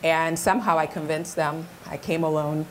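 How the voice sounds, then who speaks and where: A woman who grew up in Ghana tells her story as a panel guest at a live event. She speaks earnestly in a measured way, with a fairly low voice and faint room noise around her. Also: steady tone, rough recording. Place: event stage before an audience.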